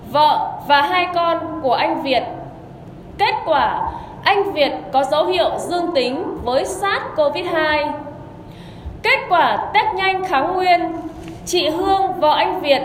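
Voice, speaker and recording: A woman reading a formal, measured official announcement as a commune radio announcer over a public loudspeaker. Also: extremely high pitch. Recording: echoey loudspeaker, long reverb, background noise.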